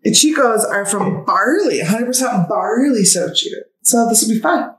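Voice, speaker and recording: An animated podcast co-host chats loosely and laughs often. The voice sits at an average pitch. The room is echoey. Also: normal speed. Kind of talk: casual chat.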